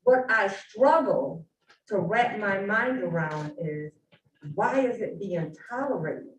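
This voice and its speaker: A woman, a teacher, giving an earnest, measured public comment to a county legislature. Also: mid-range voice, lively intonation. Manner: earnest, measured, pleading questions. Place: county legislature meeting room. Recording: echoey room from a distant mic, faint noise.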